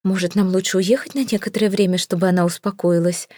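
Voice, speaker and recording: A woman's voice: mid-range voice, steady tone, fast talker, darkish tone, no room sound, clean studio sound, lightly acted. A woman voicing a flustered, hesitant middle-aged mother. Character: anxious middle-aged mother, Mrs Flip.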